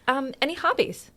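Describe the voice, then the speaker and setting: A woman's voice: high-pitched, pushed and bright. A woman hosting a podcast, asking a guest casual questions with upbeat, enthusiastic reactions. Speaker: podcast host. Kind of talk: casual interview chat.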